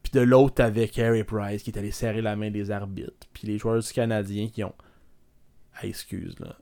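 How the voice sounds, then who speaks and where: Animated Québécois man joking around. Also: fairly low pitch, moderate pace. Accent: Québécois French. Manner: animated, joking, loud outbursts. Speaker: podcast co-host. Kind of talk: casual chat.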